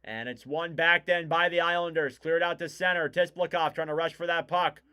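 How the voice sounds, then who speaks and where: A man calls a hockey game live as a fan commentator, in a smooth, crisp voice that sits a little high for a man. His tone stays relaxed and chatty, and he pushes up in energy when the action picks up. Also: normal speed. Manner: casual, rising excitement on big plays. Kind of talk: play-by-play commentary.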